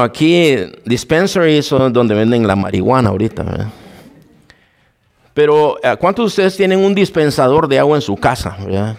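A man delivers a sermon in with a slightly high-pitched voice. He teaches from scripture, often asking the congregation questions and addressing them as brother. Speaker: pastor.

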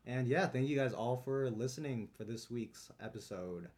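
A man's voice: mid-range voice, moderate pace, darkish tone. A young man co-hosting a podcast in easy casual chat, laughing often. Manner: laid-back, laughs often. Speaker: podcast co-host. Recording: echoey room.

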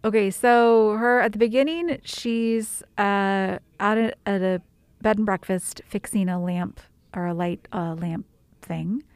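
A woman co-hosts a podcast in a loose, chatty way, full of fillers and restarts. Her voice is mid-pitched and recorded dry, close to the mic. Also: a little slow, a little mellow, clean tone, dry recording. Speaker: podcast co-host. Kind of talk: casual chat.

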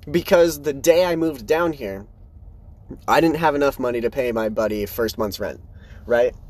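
A young man in his early twenties, speaking at an ordinary middle pitch, hosts his own casual solo podcast. He rambles in loose, run-on sentences, hopping from thought to thought in a frank, unpolished way. His pitch swings animatedly as he talks.

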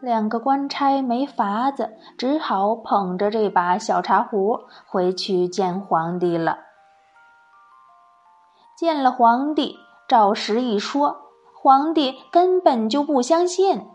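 A woman reads a children's story aloud slowly and expressively. Her voice sits a bit high. Faint glockenspiel music plays softly behind her. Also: animated.

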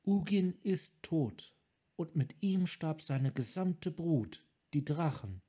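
A man voicing a calm, wise female monk who leads her clan, speaking softly and with measure, in a fan audiobook reading. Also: on the high side, slightly rough, voice pushed up, exaggerated voice. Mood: serene. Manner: soft, measured.

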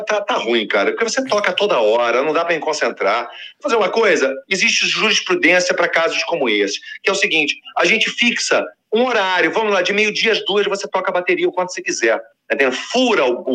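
A man telling a long personal story in a casual, slangy way, acting out the voices of the people in it. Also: high-pitched. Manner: animated, slangy, acts out quoted voices.

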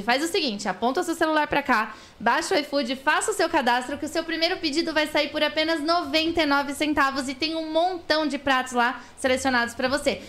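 A woman, hoarse from shouting, doing an upbeat live ad read as co-host. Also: sits high. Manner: upbeat, hurried selling. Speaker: podcast co-host.

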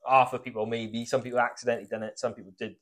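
A man's voice: medium pitch, flat delivery, rapid-fire. A man, co-hosting a casual chat and musing about life in a rambling, sweary way. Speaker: podcast co-host.

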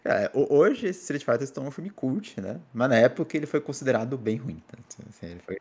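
A man co-hosting a podcast in casual chat, relaxed and quick to laugh. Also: medium pitch, slightly rough. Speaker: podcast co-host.

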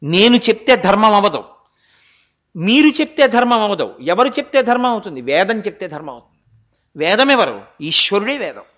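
Animated high-voiced man giving a discourse. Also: dull audio. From India. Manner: animated, rhetorical questions, chanting Sanskrit verses. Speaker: spiritual discourse speaker. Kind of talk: Gita discourse, sermon.

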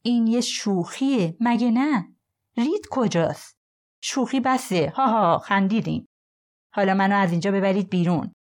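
A woman voicing a panicked man under arrest, pleading and shouting desperately in a storybook reading. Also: mid-range voice, pitched above the performer's own voice, lightly acted. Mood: frantic. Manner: frantic, pleading, loud.

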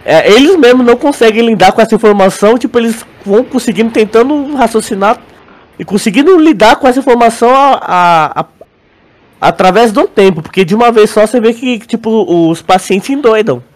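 Co-hosting a podcast, a Brazilian man speculates about a show in loose, slangy conversation, often circling back over words while searching for how to say things. He has a very high voice and a brisk delivery.

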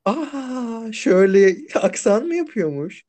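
A man's voice: very high-pitched, very animated, slow, a little mellow. A man co-hosting a casual podcast, mostly reacting with short interjections and questions. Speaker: podcast co-host listening and reacting.

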